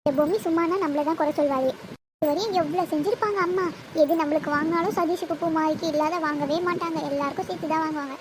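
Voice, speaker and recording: A woman's voice: high voice, fast talker, background noise, natural voice. A woman voicing a young village schoolgirl in a cartoon, explaining herself plaintively to her father.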